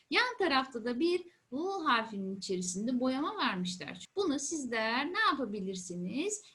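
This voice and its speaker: A woman's voice: fairly high pitch, fairly bright tone. A woman teacher explaining a lesson to young children in simple, repeated phrases and questions, with encouraging, sing-song emphasis. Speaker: primary school teacher. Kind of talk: first-grade letter lesson for children.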